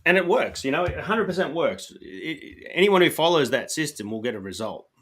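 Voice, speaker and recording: An Australian man hosts a podcast with upbeat, coaching energy, often saying "you know" in casual chat. His voice sits on the high side, a bit bright, very animated and brisk. He has an Australian accent.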